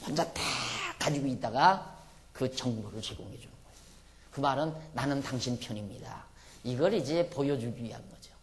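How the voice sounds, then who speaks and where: A Korean-speaking male pastor delivers an expository Bible sermon. He reads scripture slowly and with weight, then breaks into blunt, everyday commentary. His voice sits at an ordinary middle pitch for a man. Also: animated.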